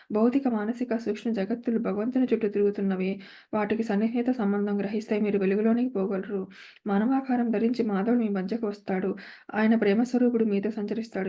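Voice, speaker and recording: A woman reading spiritual teachings, saying English lines slowly before translating them and chanting verses. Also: medium pitch, mellow. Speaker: reader of spiritual discourses. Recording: slightly muffled lo-fi recording.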